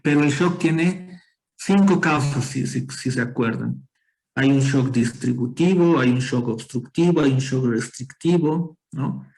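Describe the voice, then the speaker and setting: A man's voice: medium pitch, unhurried, a little mellow, poor audio. A man teaching a medical class online, explaining step by step and calling on students with questions. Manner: explanatory, quizzes students, frequent tag questions. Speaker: medical lecturer.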